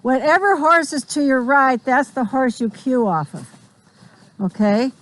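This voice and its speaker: A woman's voice: sits high, expressive, measured pace, rough recording. A woman riding instructor outdoors, explaining drill directions firmly and checking that her riders understand. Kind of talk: spontaneous hands-on instruction.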